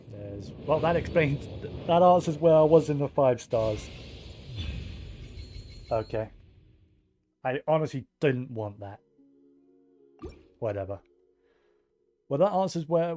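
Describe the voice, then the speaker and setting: A game streamer with a warm, mid-range voice offers casual gameplay commentary. He rambles and thinks aloud in an understated way.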